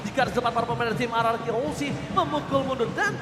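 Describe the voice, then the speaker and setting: Excitable high-pitched man, fighting game announcer style. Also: rapid-fire, noisy background. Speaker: esports shoutcaster. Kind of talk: live game commentary. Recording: echoey hall reverb, loud music behind.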